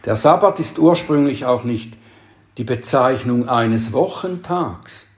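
A man delivers a sermon at an unhurried, deliberate pace, leaning on key words with rising emphasis. His voice sits at an ordinary middle pitch. The sound carries a noticeable echo, as if from a reverberant room. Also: expressive. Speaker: preacher.

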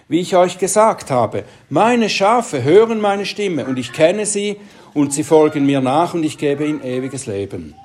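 A man preaching a Bible teaching sermon, speaking deliberately and trailing off into quiet asides. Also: a little high.

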